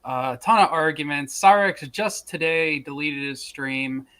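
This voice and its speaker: A man's voice: a little high, unhurried, bright, forceful tone, clean tone. A man co-hosting a casual stream chat, hesitant with many fillers and some dry teasing. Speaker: co-host.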